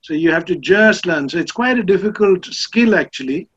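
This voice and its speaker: Male director, high-pitched and earnest, heard through a dull video call line. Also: expressive, moderate pace, fairly bright tone, breathy edge. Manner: earnest, explanatory, repeats words. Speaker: theatre director.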